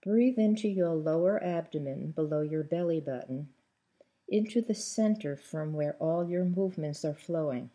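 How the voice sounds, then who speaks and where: A woman guiding a breathing and centering exercise, speaking calmly with long pauses between instructions. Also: low-pitched. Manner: calm, slow, soothing delivery with long pauses.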